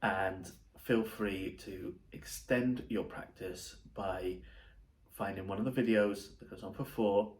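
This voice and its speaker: A man's voice: low-pitched, fairly even intonation, slow, a little mellow, low-quality recording. A man talking viewers through a breathing exercise in a casual instructional style.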